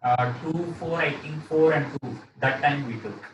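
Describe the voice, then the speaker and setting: A man's voice: a little high, unhurried. A man with a South Indian accent teaching a live physics lesson, repeating phrases and questioning a student as he works through problems. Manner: repeats phrases, often tags with "okay". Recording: roomy echo, distant mic, noisy background.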